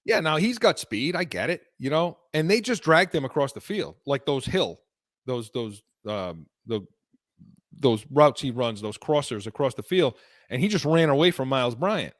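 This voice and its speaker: A man's voice: mid-range voice, animated, normal speed, no room sound, clean studio sound. A man co-hosting a sports podcast, talking heatedly about football and breaking off and restarting his sentences, his voice worn from illness. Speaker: podcast co-host.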